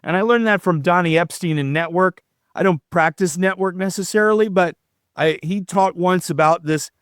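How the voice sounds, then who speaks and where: Middle-aged male guest, lively explainer, clear smooth voice, fairly high for a man, dry close sound. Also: normal speed, dry recording. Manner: animated, explanatory, demonstrative. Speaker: chiropractor guest. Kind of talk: podcast interview answers.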